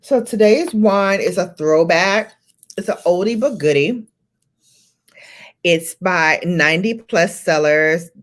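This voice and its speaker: This livestream host, a woman from Brooklyn, New York, talks in a lowish, slow voice with a Brooklyn accent. It's a casual stream: she chats, laughs often, greets viewers by name, and faint music plays underneath.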